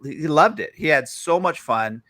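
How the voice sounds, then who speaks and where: A man's voice: a little high, animated, a little slow, pushed and bright, no room sound, clean studio sound. A man co-hosting a casual chat, talking with enthusiasm and cutting in eagerly. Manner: enthusiastic, jumps in to interrupt.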